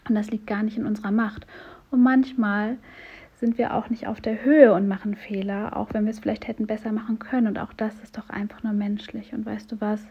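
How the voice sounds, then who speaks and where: A woman voicing a compassionate inner voice in whispered role-play, soft and reassuring. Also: mid-range voice, little pitch movement, fairly quick, slightly rough, highs cut off. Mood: soothing. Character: gentle compassionate inner voice, soothing and kind.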